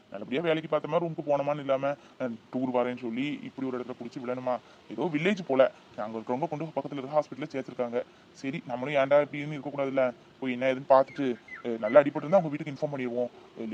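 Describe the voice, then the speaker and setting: A man voicing a rapid-talking cartoon driver. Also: mid-range voice, darkish tone, highs cut off, slight background noise, close to an everyday voice. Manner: chatty, grumbling about his boss. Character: talkative male driver on a night errand. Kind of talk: cartoon voice acting.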